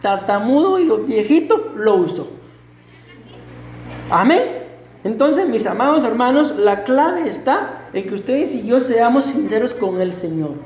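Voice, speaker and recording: A middle-aged man preaching a sermon as pastor, animated and full of rhetorical questions to the congregation. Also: extremely high pitch, a little slow, slight background noise. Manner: acts out quoted voices and a stutter. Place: church sanctuary. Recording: echoey church hall.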